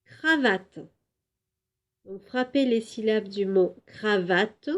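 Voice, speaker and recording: A woman teaching a home lesson to young children, slowly clapping out syllables and drawing out words for them. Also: medium pitch, darkish tone. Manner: slow, clear syllable-by-syllable teaching; drawn-out, emphatic words for children. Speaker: kindergarten teacher.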